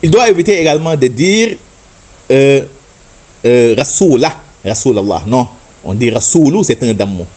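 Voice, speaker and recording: A man's voice: medium pitch, sing-song, normal speed, darkish tone, husky. A man giving a patient religious lesson, explaining and demonstrating chanted Arabic words and often adding "n'est-ce pas". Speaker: religious teacher. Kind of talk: religious instruction talk.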